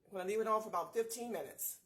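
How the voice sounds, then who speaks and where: A woman beauty vlogger walks through a skincare routine in a relaxed, chatty way. She keeps speaking straight to her viewers with easy encouragement. Her voice sits at an ordinary middle pitch. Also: racing, poor audio. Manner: chatty, often addresses viewers as you guys; upbeat, encouraging pep talk. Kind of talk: casual skincare tutorial.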